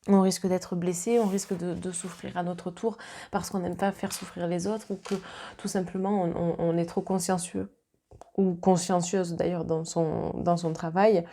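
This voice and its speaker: Woman, Marseille accent, tarot reading, chatty, reassuring, mellow warm tone. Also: lowish voice. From southern France. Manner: chatty, reassuring, many fillers and restarts. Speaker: tarot card reader. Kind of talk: casual tarot reading monologue.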